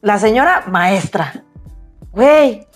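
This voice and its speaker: A young woman with a Mexican accent, co-hosting a casual chat and telling stories in an animated way, full of slang fillers. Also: mid-range voice, takes it slowly, faint music behind. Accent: Mexican Spanish. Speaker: podcast co-host.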